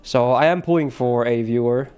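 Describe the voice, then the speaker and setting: A man's voice: mid-range voice, normal speed, darkish tone, clean tone. A male streamer chatting casually with his viewers, loose and rambling, often laughing and swearing.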